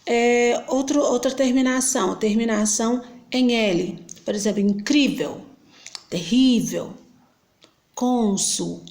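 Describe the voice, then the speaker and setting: A Brazilian woman teaching a grammar lesson, speaking slowly and patiently with a fairly high voice. Her tone has a gravelly, creaky edge, and she keeps checking that the listener follows along. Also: a little mellow. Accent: Brazilian Portuguese. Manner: patient, explanatory, checks in with tag questions. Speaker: Portuguese teacher.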